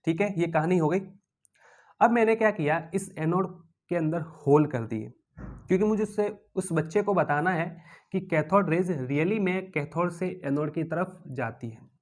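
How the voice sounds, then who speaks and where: In a classroom physics lecture, a man with an Indian accent turns key terms into questions for the class and animatedly plays objects as characters in playful stories. His voice is on the high side, and he speaks at a measured pace.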